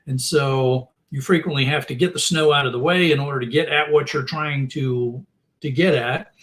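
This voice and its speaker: A man's voice: medium pitch, fairly even intonation, moderate pace, a bit bright. A middle-aged man hosting a casual livestream chat, rambling and friendly, with many fillers and restarts. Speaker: host.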